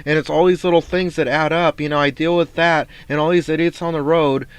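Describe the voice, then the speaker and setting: A man venting in a rambling vlog monologue with a smooth, resonant voice. He sounds frustrated, swears freely and often trips over repeated words as he restarts his thoughts. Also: fairly high pitch, steady tone, fairly quick, no room sound. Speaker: vlogger.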